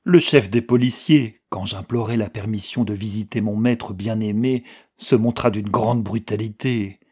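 A man's voice: fairly low pitch, moderate pace, a little mellow, breathy edge. A man voicing a tearful, anxious old pastor who pleads and frets, in an audiobook reading. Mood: pleading. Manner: pleading, flustered.

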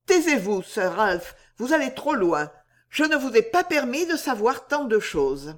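A man voicing a sad, ailing young married woman who reproaches her cousin gently and then sharply, in a storybook reading. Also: very high-pitched, expressive, unhurried, pitched above the performer's own voice. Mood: indignant.

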